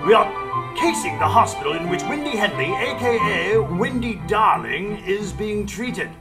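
An actor playing a loyal, exasperated English gentleman doctor, formal and wordy, in a live radio drama. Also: high-pitched, big pitch swings, measured pace, loud music behind the voice. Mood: reflective narration. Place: live stage before an audience.

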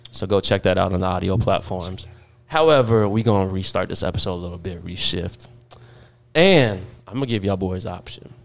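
A man's voice: sits low, moderate pace, vocal fry. A man hosting a podcast, chatting casually with laid-back slang. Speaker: podcast host.

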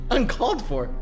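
A man in his twenties, a bit tipsy, streaming a horror game with friends, loud and excitable, swearing and laughing often. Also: very high voice. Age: 20s. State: tipsy from drinking. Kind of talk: casual live-stream chat.

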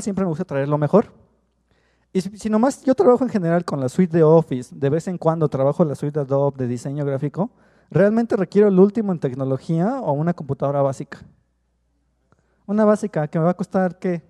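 A man's voice: a little high, dark tone. Chatty Mexican man lecturing in a hall. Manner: chatty, repeats words and restarts often. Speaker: speaker at a business talk. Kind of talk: casual lecture. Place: large hall before an audience.

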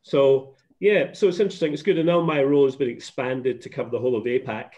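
A middle-aged man talks chattily from his home office, doubling back and restarting his sentences as he goes. His voice sits at an ordinary middle pitch and comes through a slightly muffled video call line. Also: fairly even intonation, fast, darkish tone. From Scotland. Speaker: guest. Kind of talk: casual video call interview. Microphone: laptop webcam video call.

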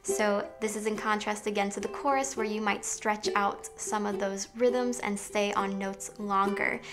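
A woman's voice: mid-range voice, fairly even intonation, unhurried, music in the background. A young woman teaching songwriting in an upbeat, explanatory way, now and then singing short demonstration phrases. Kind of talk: online songwriting lesson.

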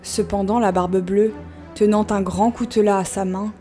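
A woman reads a classic fairy tale aloud as narrator, measured and expressive. Her voice sits at a middle pitch for a woman, with steady music underneath.

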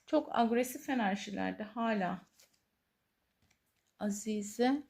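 A woman giving a tarot reading to her viewers, earnest, pausing often with drawn-out fillers. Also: mid-range voice, gravelly, slight background noise. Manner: hesitant, many drawn-out fillers, soft and earnest. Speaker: tarot reader.

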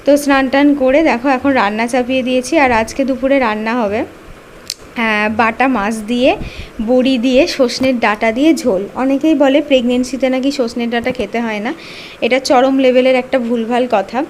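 Pregnant woman from West Bengal, high bright voice, chatty cooking narration, faint noise under it. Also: fairly even intonation, a little fast. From West Bengal, India. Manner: chatty, explains as she cooks. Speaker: village vlogger. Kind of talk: casual cooking vlog chat.

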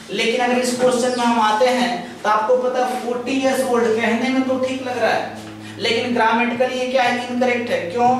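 A young man with a very high-pitched voice teaches grammar at a chalkboard, explaining step by step, drawing out example sentences slowly, and asking and answering his own questions. He mixes English phrases into his Hindi explanations. A far camera captures him in an echoey classroom, with a little hiss or hum.

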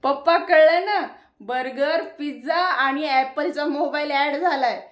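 A high-pitched woman talks softly and patiently, coaxing with little repeated questions as she films a casual home vlog. Her voice rings in an echoey room at home. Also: slow. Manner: gently coaxing, repeatedly prompting with short questions. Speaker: mother and vlogger.

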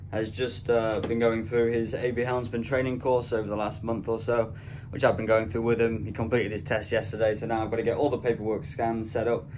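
A man's voice: medium pitch, a little hiss or hum. A young man in his twenties, a ship's deck officer, casually explaining his workday into a phone held at arm's length in rooms on board. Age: young adult. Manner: relaxed, explanatory, conversational. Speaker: cruise ship deck officer vlogging his day. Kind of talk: casual vlog narration. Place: indoors on a ship, offices and mess rooms.

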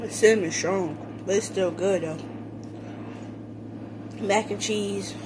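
In a noisy home phone recording shot close up, a young woman tastes food at a table in a small indoor room and comments between bites. Her casual eating-vlog chat is medium-pitched and slow.

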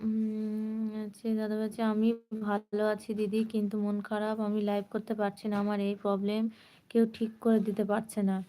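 A woman's voice: medium pitch, monotone, moderate pace, dark tone. A young woman from West Bengal with a sore throat, chatting casually on a live stream and greeting viewers by name. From West Bengal, India.

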